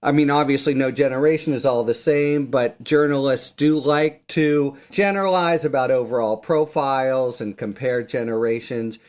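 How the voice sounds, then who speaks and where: A man hosting a political podcast who reads a formal introduction and then asks his guests questions in a measured, articulate way. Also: mid-range voice, a little mellow. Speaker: podcast host.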